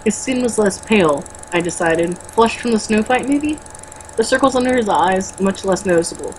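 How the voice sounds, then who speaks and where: A woman, co-host of an amateur read-aloud, reads a novel with mocking, casual commentary over clear background noise. Her mid-range voice is animated and moves at a normal speed in a rough recording. She stumbles over words while reading and gets blunt and sweary in her asides.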